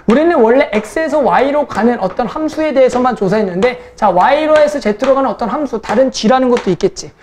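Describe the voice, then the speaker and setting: A woman math teacher talks her students through a lesson in a relaxed, joking way. Her voice sits on the high side, and she keeps stopping to ask the class whether they are with her. A faint hiss runs under the recording. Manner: constantly checks in with students, casual banter.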